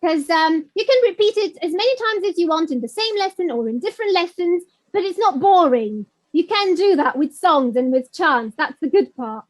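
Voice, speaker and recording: A woman's voice: very high voice, lively intonation, normal speed, few pauses, low-quality recording. A woman presenting an online teacher-training webinar, chatty and addressing attendees directly by name, on a video call mic.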